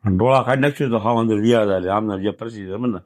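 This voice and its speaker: An older man, talking in an emotional interview, soft and halting, often trailing off quietly. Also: lowish voice. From Gujarat, India. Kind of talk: emotional interview, plain talk.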